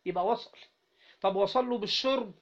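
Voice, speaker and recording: A man's voice: high voice, quick pace. A man with an Egyptian accent teaching a classroom lesson on Islamic jurisprudence, reading a text aloud and explaining it, prompting his students with questions. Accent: Egyptian Arabic. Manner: keeps prompting students with questions, has them fill in words. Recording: dull lo-fi recording.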